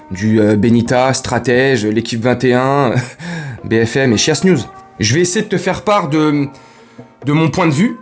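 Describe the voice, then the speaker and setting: Slangy, crude football vlogger man. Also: on the high side. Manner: crude, slangy, rambling with asides. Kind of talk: casual football chat.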